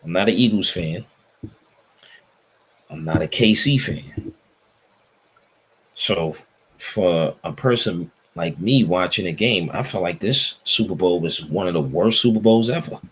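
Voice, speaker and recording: A low-voiced American man with a husky tone hosts casual sports talk. He gives his opinions freely and repeats phrases to drive them home. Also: measured pace, long pauses, a bit bright, low-quality recording. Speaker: talk show host.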